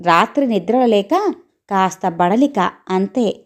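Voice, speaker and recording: A woman's voice: medium pitch, expressive, slow. A woman voicing a proud aging father in a read-aloud storybook, speaking firmly and brusquely. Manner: firm, brusque.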